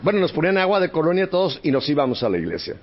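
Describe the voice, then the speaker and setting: A man in his seventies from Mexico City, appearing as a podcast guest, tells stories about his childhood in a relaxed, chatty conversation full of easy laughter. His voice is a little high and he talks at a racing clip, with warm reminiscing, and the podcast audio sounds slightly muffled.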